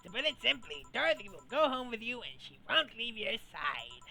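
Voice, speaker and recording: A firm, commanding bar owner, as a woman voices her, blunt and bossy with a lively, bouncing delivery. A visual novel game character read aloud over faint music. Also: a little high, moderate pace, gravelly, exaggerated voice.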